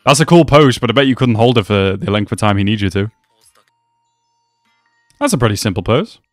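A man in his twenties hosts a reaction video, offering slangy, amused commentary in a casual, brisk manner, close to a desk microphone in a small indoor room. His voice is fairly low with lively intonation, there's no echo, and soft music plays in the background.

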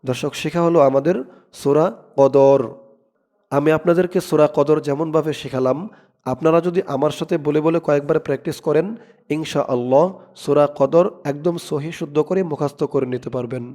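A man teaching Quran recitation, spelling words letter by letter and chanting them slowly, with quick spoken explanations in between. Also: on the high side, steady tone, warm tone. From Bangladesh. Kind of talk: slow spelled-out recitation lesson.

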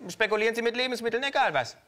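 A man voicing a brash, cynical male kangaroo who talks to a bank advisor in a shrill, gleeful, pushy way. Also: lively intonation, very fast, a bit bright.

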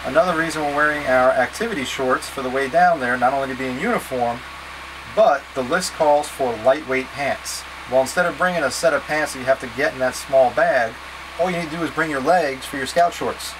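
This scout trip leader has a mid-range voice and talks to the camera about packing, plain-spoken and casually directive as he goes step by step. A constant background hum fills the small wood-panelled boat cabin where he's recording indoors.

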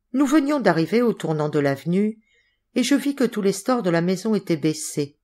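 A woman narrating a literary audiobook in a steady, expressive reading style. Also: on the low side.

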